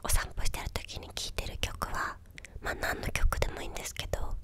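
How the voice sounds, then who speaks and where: Whispering young woman in casual ASMR chat. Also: fairly quick. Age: young adult. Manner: soft, unvoiced whispering. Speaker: ASMR video creator. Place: small quiet indoor room with a bed or sofa. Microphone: desktop condenser microphone, close up.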